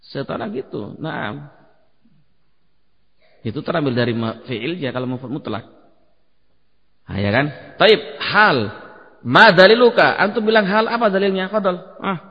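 Man, Indonesian accent, mosque teacher quizzing a class; somewhat high voice, long hall echo, muffled lo-fi capture. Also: unhurried, long pauses. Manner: quizzing and correcting students, mixing Arabic phrases. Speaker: ustadz teaching Arabic grammar. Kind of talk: classroom lesson with quizzing of students. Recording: long hall reverb, dull lo-fi sound.

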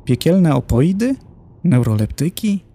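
Wicked flirtatious lady of hell, as a male narrator puts her on, playful and higher-pitched, gravelly edge, dark tone. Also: sing-song, a little slow, exaggerated voice. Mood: teasing.

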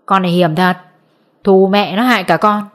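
A woman's voice: mid-range voice, fairly even intonation, moderate pace, lightly acted. Woman reading a stern middle-aged mother. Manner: scolding, then soothing.

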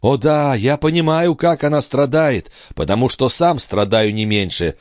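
A man reads a hot-tempered young nobleman, emotional and quick to raise his voice, with a lively, swinging delivery. The recording is dry and close. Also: medium pitch, no room sound, voice pushed up, close to an everyday voice. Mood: anguished. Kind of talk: audiobook reading.

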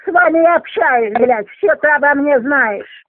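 Foul-mouthed granny, high voice, tinny phone. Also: female voice, lively intonation, unhurried, slight background noise. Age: elderly. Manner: foul-mouthed, cursing freely; irritable, combative. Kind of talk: argumentative phone chat. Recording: tinny narrowband phone line.

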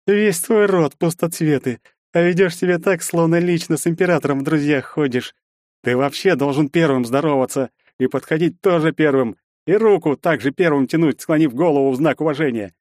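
A sneering young nobleman, a bully voiced by a man who hisses his mockery in a raised, swooping voice and cracks into shrill outrage. It is an audiobook reading, close and dry, with no room sound. He sounds spoiled and spoiling for a fight. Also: sing-song, a little fast, few pauses, dry recording. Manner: hissing, mocking, shrill when shouting. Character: sneering arrogant young aristocrat bully, male.

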